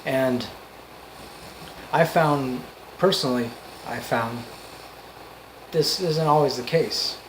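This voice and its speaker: A man giving an off-the-cuff motivational monologue, earnest and emphatic, in halting phrases that repeat for emphasis. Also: mid-range voice, slight background noise, rough recording. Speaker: amateur motivational speaker.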